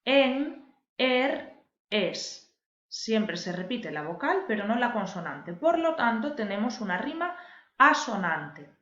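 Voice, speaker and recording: A woman's voice: a little high, big pitch swings, slow pace, a bit bright. A woman teacher, patiently explaining a lesson and stressing key words for her viewers. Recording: echoey room, dull lo-fi sound.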